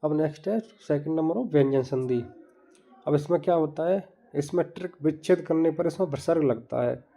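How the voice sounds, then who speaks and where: Gravelly man teaching grammar step by step. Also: a little high, moderate pace, dark tone. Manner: explains step by step, repeating terms and asking the viewer to look. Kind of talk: online exam-prep lesson.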